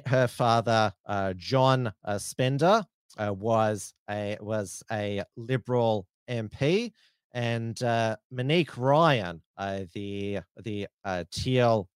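A man giving informal political commentary in a halting, hesitant way. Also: on the low side, clear, resonant tone, no echo.

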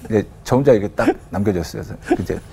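A man's voice: lowish voice, fast, gravelly, mellow, breathy edge. A man working as a prison officer, telling stories as a guest in an interview and acting out the quotes. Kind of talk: storytelling in a talk show interview.

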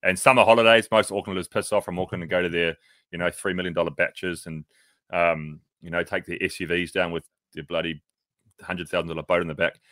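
A New Zealand-accented man co-hosts a podcast, telling stories animatedly in casual chat and swearing freely. His voice is deep and a little fast, recorded at studio quality with no echo.

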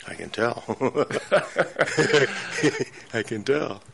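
Brief: gravelly male co-host, slow and laconic replies. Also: mid-range voice, lively intonation. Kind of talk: casual radio talk.

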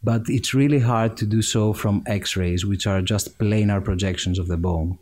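A man from Greece speaks in a somewhat low, warm voice. He is a guest in an interview and explains technical ideas patiently. He talks in a measured way, with fillers and restarts as he thinks. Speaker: guest, machine learning engineer. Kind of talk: conversational interview answers.

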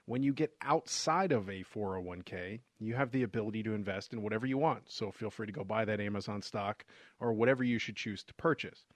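A man hosting a radio finance show, explaining in a relaxed, conversational way with frequent fillers and restarts. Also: fairly low pitch, a little fast, dry recording.

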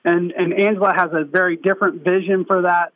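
A man's voice: high-pitched, fairly even intonation, a little fast, no room sound, narrow, tinny audio. A man guest on a podcast, explaining his feelings reflectively and searching for words as he goes. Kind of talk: casual podcast conversation.

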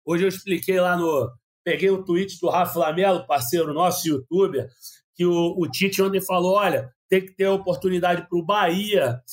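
A man's voice: high voice, normal speed. A man, a sports reporter, chatting on a podcast, rambling with restarts and coughing from a dry mouth. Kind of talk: casual podcast chat.

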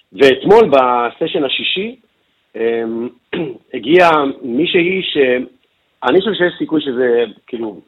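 A man's voice: mid-range voice, slightly rough, narrow, tinny audio. A man working as a news correspondent, giving a detailed radio news briefing and walking through events step by step with filler sounds.

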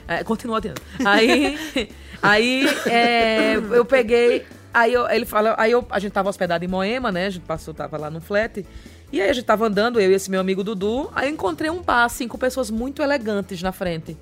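A woman's voice: on the high side, brisk, faint music behind. A woman from Brazil, a comedian chatting as a podcast guest and telling funny stories while acting out the dialogue. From Alagoas, northeastern Brazil. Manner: animated storyteller who acts out dialogue. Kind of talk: casual chat, comic storytelling.

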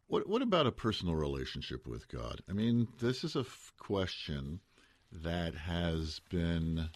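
A man with a very low, husky voice hosts a radio talk show. His phrasing is measured and a little formal. The sound is dry and close. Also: dry recording.

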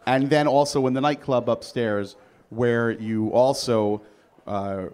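A man's voice: medium pitch, steady tone, takes it slowly, darkish tone, smooth. Guy hosting a stage chat on a cruise, playful, rambly setup. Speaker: host. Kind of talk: interviewing on stage. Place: theater on a cruise ship.

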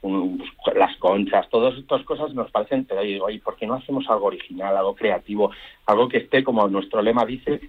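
Guy calling in, tinny phone line, husky low voice, keeps restarting. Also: a little fast. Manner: enthusiastic, rambling, many restarts. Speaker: guest, entrepreneur. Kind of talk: radio interview on phone line.

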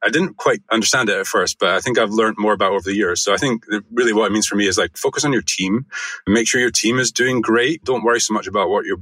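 A Scottish man talking fast with a bright, forward tone. He answers casually as a guest, and the dry sound has faint music under it. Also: on the low side, slightly rough, no room sound. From Scotland. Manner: quick, friendly, uses fillers like "kind of". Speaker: guest, design studio co-founder. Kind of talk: conversational interview answers.

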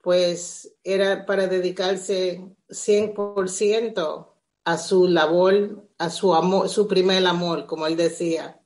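A middle-aged woman speaking as an interview guest, slow, halting and reflective. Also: lowish voice, fairly even intonation, a little mellow. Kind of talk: conversational interview.

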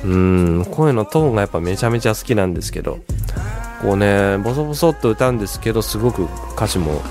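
A man hosting a casual music radio show, chatting with enthusiasm about songs, with many fillers and pauses. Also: fairly low pitch, lively intonation, darkish tone.

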